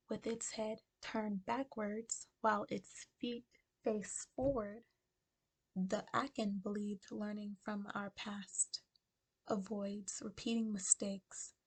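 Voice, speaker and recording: A woman giving a casual spiritual card reading to her viewers, talking with a retainer in her mouth and dropping into soft whispers as she muses. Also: medium pitch, breathy edge. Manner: slow, musing delivery with soft whispered phrases; casual, chatty address to viewers. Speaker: tarot card reader.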